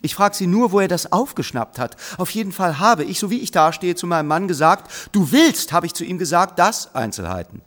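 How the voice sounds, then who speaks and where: A man's voice: high voice, sing-song, brisk, few pauses, a bit bright, long reverb tail, voice pushed up. A man voicing a chatty shopkeeper woman in a storybook reading, gossiping indignantly in a raised voice.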